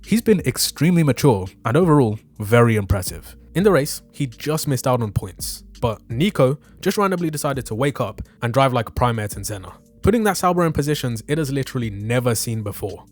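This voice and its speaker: A man's voice: medium pitch, big pitch swings, brisk, few pauses. A man giving opinionated, scripted motorsport commentary in casual fan slang, as a video creator reviewing a race. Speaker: motorsport YouTuber reviewing a Formula One race. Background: background music.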